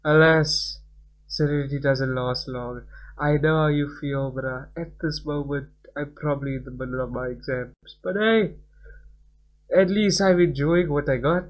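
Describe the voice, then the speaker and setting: This young adult man hosts a gaming channel, doing a casual let's-play where he reads game text aloud and then rambles off into commentary, interrupting himself. His voice is fairly high and steady, at a measured pace. The audio is poor, with music playing behind him.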